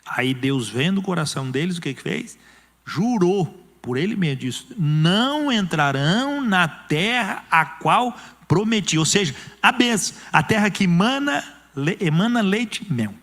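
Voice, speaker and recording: A man's voice: sits high, big pitch swings, moderate pace. A male pastor with a Brazilian Portuguese accent preaching an emphatic sermon, acting out quoted voices. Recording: long church hall reverb.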